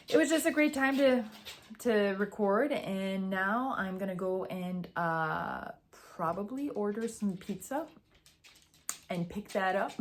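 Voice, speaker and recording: Young woman, podcast host, casual chat, tired, gushy, unhurried. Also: medium pitch. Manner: chatty and gushing, with fillers and restarts. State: tired after a morning run.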